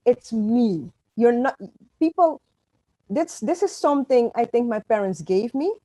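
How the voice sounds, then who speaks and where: An author and guest in a conversational interview, a native-Dutch-speaking middle-aged woman from Suriname speaks emphatically, often starting sentences over. Her slightly high, expressive voice is mellow and measured in pace, in a dry, low-quality recording.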